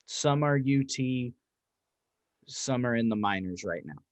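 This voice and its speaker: A man in his twenties co-hosting a casual podcast from his apartment, telling stories in an animated, profane way. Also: medium pitch, unhurried, no room sound. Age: 20s. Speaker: podcast co-host. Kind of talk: casual chat. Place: apartment room.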